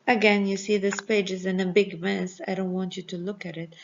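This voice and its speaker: Woman teacher, gravelly voice, slow patient explainer, lo-fi lesson recording. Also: mid-range voice, level tone, slight background noise. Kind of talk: recorded grammar review lesson. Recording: dull lo-fi recording.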